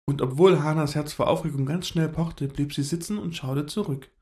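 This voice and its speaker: A man gently narrating a children's story in an expressive storytelling manner. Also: fairly high pitch, normal speed.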